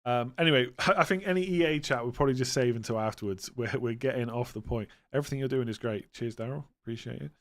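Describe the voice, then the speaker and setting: A man with a West Country accent hosts a casual livestream. He speaks informally at an average pitch, reading questions aloud and giving matter-of-fact answers. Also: fast, few pauses. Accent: West Country English. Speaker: fantasy football livestream host.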